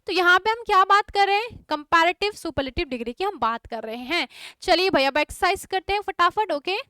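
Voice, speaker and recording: A woman's voice: very high-pitched, expressive, a little fast, sharp tone, no echo, studio quality. A young woman with an Indian English accent teaching an online exam-prep lesson, chatty and quizzing her students. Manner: chatty, mixes Hindi and English, asks students questions.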